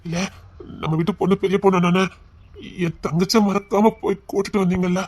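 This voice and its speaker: An actor playing an emotional young brother-in-law, speaking with a Tirunelveli accent in a tearful, stammering, affectionate way. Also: male voice, sits high, quick pace, a bit bright, soft background music. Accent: Tirunelveli Tamil. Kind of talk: web series acting.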